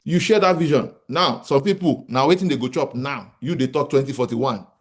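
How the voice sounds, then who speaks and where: Here a Nigerian real estate company founder in his forties motivates an audience with a business talk, circling back to key points and throwing out rhetorical questions. His voice sits at medium pitch with a moderate pace.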